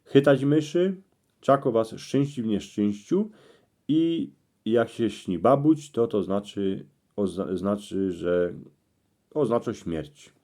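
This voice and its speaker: Dark-voiced man with a Cieszyn Silesian accent. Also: on the low side, animated, slow pace. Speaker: presenter explaining dream meanings. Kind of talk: reading out dream interpretations in dialect.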